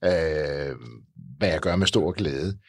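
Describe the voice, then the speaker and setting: Deep, husky-voiced male host. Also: no echo, studio quality. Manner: hesitant, repeats words, warm encouraging questions. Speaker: podcast host. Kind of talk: interview conversation.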